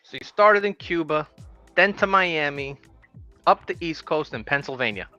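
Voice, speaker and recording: Man, New York accent, bright voice, upbeat joking host, muffled stream, faint music. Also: fairly high pitch, expressive, moderate pace, clean tone. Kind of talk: casual livestream interview.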